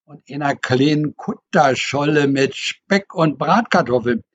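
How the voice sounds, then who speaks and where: A man reading as a booming old fisherman. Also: lively intonation, measured pace, husky. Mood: bossy cheerful. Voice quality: booming, dialect-flavored folksy speech. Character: booming old male fisherman, hearty and teasing. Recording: dull lo-fi recording.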